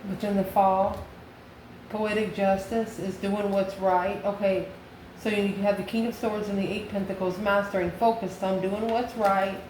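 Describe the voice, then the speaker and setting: With a medium pitch, level tone and a somewhat dark quality, she speaks a little slowly. She's an American tarot reader and channel host giving the viewer an intuitive reading, wondering aloud in short, repeated phrases and questions. The recording has an echoey room sound and noticeable background noise.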